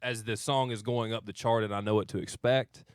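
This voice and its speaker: His voice is lowish, steady, brisk, clear, and resonant as this Arkansas country singer in his thirties responds thoughtfully and modestly to a casual interview. Recorded dry with studio quality on a studio mic in a radio studio.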